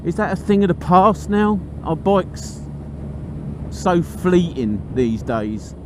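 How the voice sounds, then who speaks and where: A man's voice: high-pitched, big pitch swings, slow pace. A middle-aged man, rambling casually and thoughtfully as he vlogs from a moving motorcycle. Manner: musing, chatty, colloquial. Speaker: motorcycle vlogger. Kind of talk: casual rambling commentary while riding. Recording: loud engine and road noise. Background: engine, traffic and road noise.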